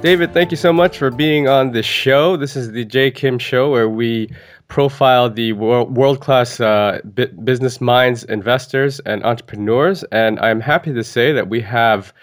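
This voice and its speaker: A man hosting a business podcast in a mid-pitched voice. His intro sounds scripted and smooth. When he asks questions he stumbles over words and restarts them, with faint music in the background. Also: moderate pace. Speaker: podcast host.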